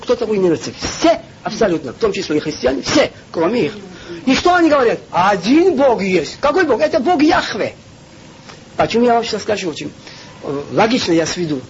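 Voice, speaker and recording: A high-voiced, animated man from Georgia gives an impassioned spiritual lecture, speaking emphatically with frequent hesitations and rhetorical questions. The lo-fi recording sounds dull, with faint background noise.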